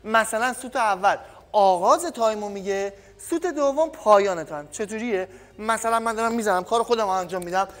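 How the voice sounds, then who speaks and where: A man from Iran with a cold, giving a casual, energetic boxing training tutorial to viewers he calls kids, recorded in a gym without a microphone. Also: very high-pitched. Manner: energetic, addresses viewers as kids, trails off quietly. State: has a cold. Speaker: boxing coach. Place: gym by a punching bag. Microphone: no microphone, camera audio. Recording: long echoey gym reverb.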